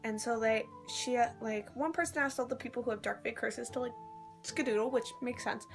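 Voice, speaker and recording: A woman's voice: fairly high pitch, a little fast, faint music behind. A woman chatting casually to her phone at arm's length, telling stories in a rambling, slangy way as a vlogger. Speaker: vlogger recounting a live-action role-play event. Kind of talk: casual chat.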